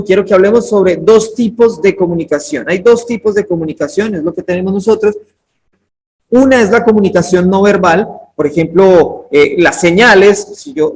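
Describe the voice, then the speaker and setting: A man's voice: high voice, darkish tone, low-quality recording. A man teaching a Bible interpretation workshop over a video call, talking conversationally and putting questions to his students by name. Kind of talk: interactive online class lecture.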